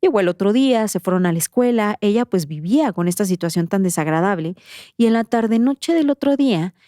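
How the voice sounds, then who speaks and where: A woman with a Mexican accent, a podcast host telling a story in a casual, slangy, animated way. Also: mid-range voice, brisk, dry recording, clean studio sound.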